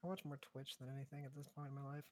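A woman co-hosting a casual chat, dropping dry, deadpan quips. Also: extremely low pitch, very fast.

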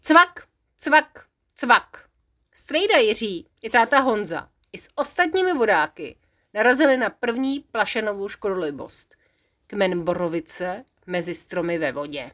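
A mother reading a bedtime story to her child, playful and lively. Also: mid-range voice.

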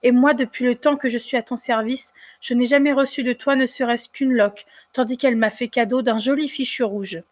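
A woman's voice: on the high side, fairly even intonation, fairly quick, hardly any pauses, no room sound, natural voice. A woman speaking as a resentful, overlooked servant woman, in a plain storytelling voice. She complains about her mistress.

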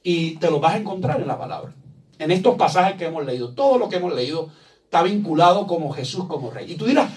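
Pastor guy preaching, high voice, acts out people he quotes, mic kinda far off. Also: lively intonation, fast talker, a little mellow. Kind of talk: sermon. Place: church.

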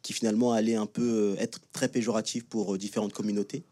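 Guy in the audience asking a long question, quick, soft warm tone. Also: lowish voice, little pitch movement. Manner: careful, hesitant phrasing.

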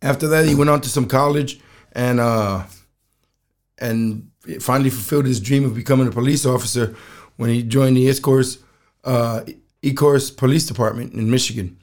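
A man talks casually as a solo podcast host. His voice is rough and strained, with frequent throat clearing. He tells his story plainly, in halting phrases with pauses. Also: medium pitch, steady tone.

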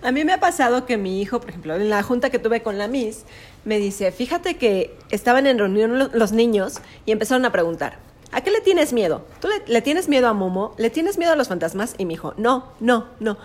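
A woman's voice: a little high, lively intonation, brisk, a little mellow. A woman in a casual chat, telling an anecdote about her son with quoted dialogue. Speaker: podcast co-host.

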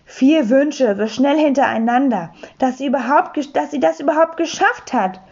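A woman voicing a cheeky, bristly, childlike creature that is greedy and playful, asking quick pert questions. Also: high voice, big pitch swings, vocal fry, a little mellow, lo-fi sound, full character voice. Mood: impressed.

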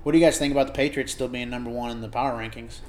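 A man co-hosting a casual sports talk show, animated, laughing easily and trailing off mid-sentence. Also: mid-range voice, very fast. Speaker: podcast co-host. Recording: roomy with faint background noise.

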